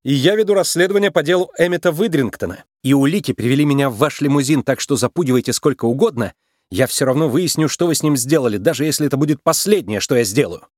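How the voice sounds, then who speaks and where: A man voicing a young female rabbit police officer who talks briskly and with determination in a storybook reading. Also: mid-range voice, animated, a little mellow, no echo, clean studio sound, lightly acted. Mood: determined.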